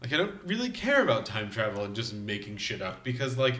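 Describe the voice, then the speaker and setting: A man's voice: fairly low pitch, big pitch swings, fairly quick, bright, forceful tone. A middle-aged man chatting casually about movies, laughing as he talks and mimicking others. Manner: laughing, mock-voicing others. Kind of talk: casual chat. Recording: roomy echo.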